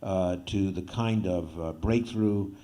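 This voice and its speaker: A man moderating a conference panel, giving halting closing remarks full of fillers, with a light laugh now and then. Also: deep voice, mellow.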